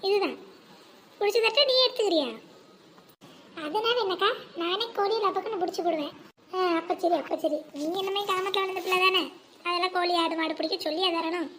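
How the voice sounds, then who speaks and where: Cartoon village housewife acted by a woman: gossipy, crafty, extremely high voice, rural Tamil Nadu accent, faint ambient noise. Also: fairly bright tone. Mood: friendly. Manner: colloquial, exclamatory.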